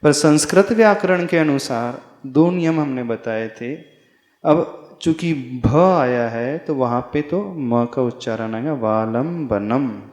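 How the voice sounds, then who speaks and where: Monk guy teaching hymn pronunciation, slow and careful, keeps quizzing the room, big echoey hall. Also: mid-range voice, darkish tone. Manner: slow, deliberate, spells out pronunciation and quizzes the audience. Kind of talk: devotional recitation lesson. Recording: echoey hall with long reverb.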